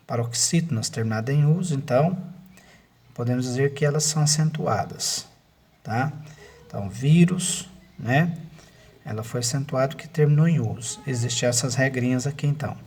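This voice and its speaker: Patient male teacher, husky voice. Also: medium pitch, a little mellow. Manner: patient, repetitive explaining with frequent checks like "né?" and "tá bom?". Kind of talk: classroom lesson, correcting exercises.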